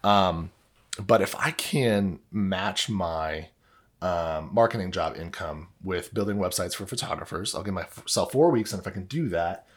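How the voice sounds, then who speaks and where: Low husky-voiced young man rambling. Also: measured pace. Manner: rambling, heavy on "like" and "um". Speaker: podcast host telling his story. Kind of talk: casual storytelling.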